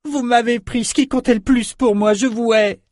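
A man's voice: very high-pitched, steady tone, moderate pace, a little mellow, no echo, studio quality, voice pushed up. Samantha, a man voicing a raging young sorceress. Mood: furious. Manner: screaming accusations, seething. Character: furious young female magician, grief-stricken. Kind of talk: audiobook character voice.

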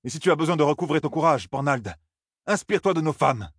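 A man voicing a bitter, vengeful male knight officer with a hoarse voice. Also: on the high side, animated, fast, a bit bright, no echo, clean studio sound, pitched above the performer's own voice, exaggerated voice. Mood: scornful.

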